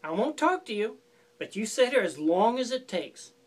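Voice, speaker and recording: A woman's voice: on the high side, sing-song, normal speed, slightly rough. A woman voicing a sly male fox who gives falsely friendly, coaxing instructions in a folk tale. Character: sly scheming male fox, smooth talker.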